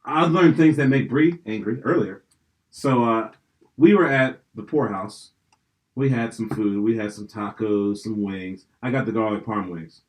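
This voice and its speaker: With a fairly low pitch and a measured delivery, a young man from Pennsylvania hosts a podcast through poor audio. His chat is casual and profane, wandering from one animated story to the next.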